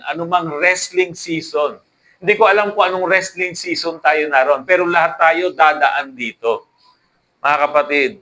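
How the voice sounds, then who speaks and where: Man, Filipino accent, pastor, sermon, slow deliberate delivery, bright ringing voice. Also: on the high side, rough recording. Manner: mixes Tagalog and English, asks the congregation for responses.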